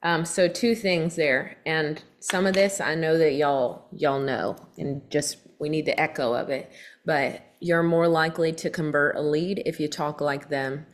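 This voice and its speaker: A woman's voice: low voice, steady tone, a little slow. A woman, coaching a sales team on phone technique and demonstrating how to shift her pace. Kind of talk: training talk on a call.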